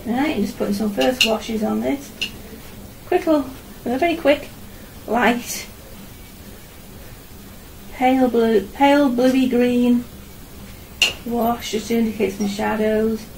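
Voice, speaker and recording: Speaking slowly, with vocal fry and long pauses, a middle-aged woman with a higher-than-average voice narrates casually as she paints. She is an artist and vlogger addressing herself and the camera in a small indoor home studio, with noise in the background.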